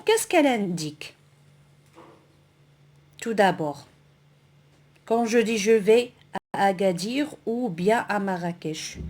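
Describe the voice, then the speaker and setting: A woman teaches a grammar lesson at a very slow, deliberate pace. She repeats each phrase and asks the viewer questions. Her voice sits at an ordinary middle pitch.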